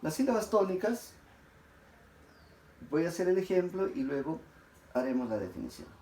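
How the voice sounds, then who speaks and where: A man, giving a classroom lecture. He often checks in with his listeners and stretches example words out slowly, syllable by syllable. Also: a little high, very animated, mellow. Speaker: teacher. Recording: echoey room, faint background noise.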